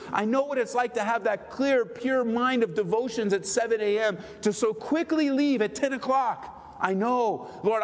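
A middle-aged male pastor preaching a sermon, swinging between loud pleading and quiet tender talk. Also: sits high, long reverb tail.

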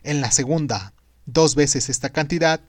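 A man hosting and narrating a scripted story in a dramatic, emphatic way with deliberate pauses. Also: a little high, no echo, clean studio sound. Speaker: podcast host and narrator.

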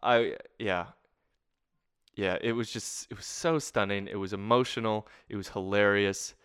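A young Canadian man hosts a casual film podcast in a bright, crisp voice that sits a little low. He talks with eager enthusiasm and laughs easily. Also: a little slow. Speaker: podcast host.

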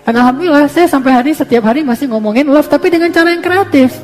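A man's voice: very high voice, quick pace, soft background music. A man giving a casual religious talk as a preacher, in a playful, joking way. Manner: playful, joking, teasing delivery.

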